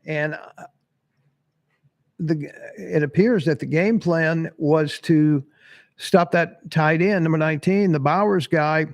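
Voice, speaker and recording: A high-pitched man drawling through his commentary at an unhurried pace. He talks bluntly, cusses freely and chuckles at his own stumbles. The sound is close and dry, with no room around it. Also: vocal fry, no echo. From Tennessee. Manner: blunt, swearing, laughing at himself. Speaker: sports podcast host. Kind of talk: casual live-stream commentary reading chat.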